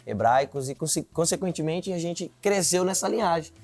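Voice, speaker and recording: A man's voice: on the high side, lively intonation, normal speed, darkish tone, soft background music. A man in his twenties, a city council candidate, earnestly telling his life story in an interview, often adding filler tags. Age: 20s.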